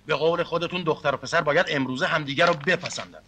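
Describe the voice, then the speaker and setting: A weary, exasperated father, speaking in a somewhat high, very bright voice. He sounds harried and put-upon throughout. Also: a little hiss or hum. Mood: reasoning. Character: weary middle-aged father caught between family. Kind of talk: 1970s dubbed film dialogue.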